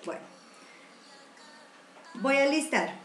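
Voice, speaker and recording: High-voiced Colombian woman teaching painting. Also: big pitch swings, slow, echoey room, soft background music. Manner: chatty, encouraging, uses many diminutives. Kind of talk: live online watercolor class. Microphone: computer mic on a video stream.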